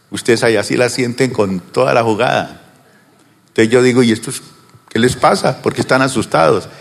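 A male pastor preaching to his congregation, asking them questions and answering them, slowing down on some words and rushing through asides. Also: mid-range voice, vocal fry, in a large hall. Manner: swings between slow drawn-out words and fast asides. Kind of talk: sermon. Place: church.

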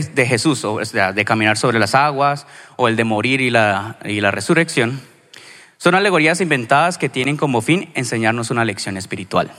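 A Colombian man from Cali preaches at a mid pitch, a pastor who tells his sermon like a story and breaks into lively asides. His voice rings out with a long reverb from the church hall around him. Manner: conversational, storytelling, animated asides.

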